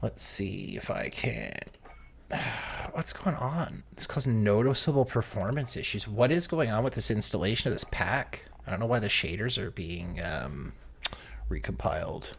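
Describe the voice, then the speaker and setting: A man's voice: on the low side, lively intonation, normal speed, creaky, fairly bright tone, husky. A young man streaming live, chatting loosely with viewers and friends and swearing casually.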